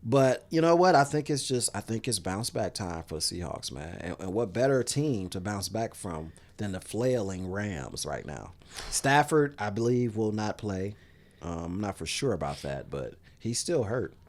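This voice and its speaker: A man co-hosting a casual sports betting podcast, talking in an animated, halting way with frequent restarts. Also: fairly low pitch. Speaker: podcast co-host.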